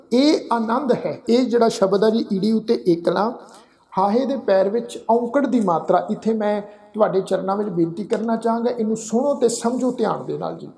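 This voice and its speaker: A man with a Punjabi accent patiently teaching Gurbani pronunciation, explaining slowly and politely, then chanting verse lines drawn out. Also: high-pitched, gravelly, mellow. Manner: addresses listeners politely as "ji". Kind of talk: scripture recitation lesson.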